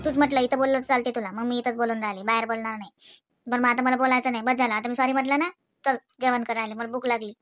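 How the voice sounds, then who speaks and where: Lady doing a sulky young cartoon wife, high voice, keeps saying sorry. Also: fairly even intonation, fast talker, a bit bright, soft background music, close to an everyday voice. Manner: pleading, sulky, repeats sorry. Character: apologetic young wife Rashmi, sulky and pleading. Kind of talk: cartoon voice acting.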